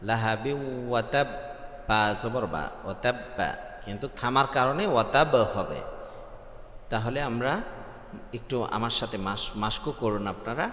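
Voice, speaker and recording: Man teaching recitation in an echoey room. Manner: breaks into high, loud melodic chanting for the recited verses; spells out letter by letter, with drawn-out filler sounds. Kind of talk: step-by-step recitation lesson. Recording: echoey room with long reverb.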